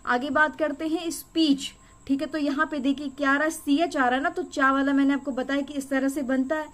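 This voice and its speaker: A woman's voice: high voice, steady tone, a little fast, a bit bright. A young woman teaching beginners, explaining each step patiently and checking often that students follow. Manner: patient, repeats checks like "clear?" and "okay". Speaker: shorthand teacher.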